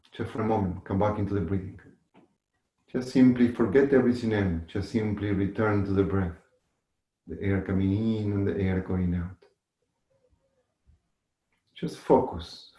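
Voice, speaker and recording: Slow, low-voiced man guiding a meditation. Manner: measured, instructive, with long pauses and gentle repetition. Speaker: meditation teacher. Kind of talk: guided meditation. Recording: echoey room.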